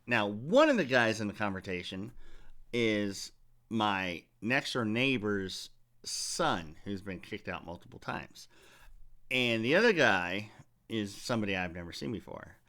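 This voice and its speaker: A man's voice: on the low side, a bit bright. A man hosting a comedy podcast, telling a rambling, profane story in a loose, casual way. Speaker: podcast host.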